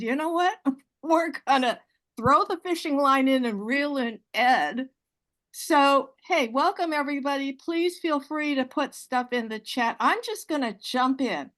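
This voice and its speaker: A woman's voice: sits high, a bit bright. A woman hosting an online panel on a video call, chatty and enthusiastic, laughing often. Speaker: host and moderator.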